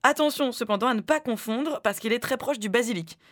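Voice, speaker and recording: A woman's voice: fairly high pitch, fairly quick, a bit bright, dry recording, studio quality. A woman co-hosting a casual radio show, reading a cheeky quiz in a playful, teasing way. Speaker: co-host.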